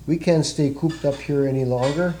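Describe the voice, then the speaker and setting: A man's voice: a little high, fairly even intonation, normal speed, warm tone, a little hiss or hum, close to an everyday voice. A man voicing a stern old male rat leader who growls orders at the others. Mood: commanding. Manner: growling commands.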